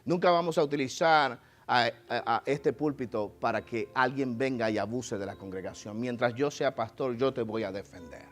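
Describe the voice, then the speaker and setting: A male pastor preaching a sermon, shifting from quiet, conversational asides to loud, emphatic exhortation. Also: medium pitch, normal speed, few pauses. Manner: acts out congregation members in mock voices. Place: church sanctuary.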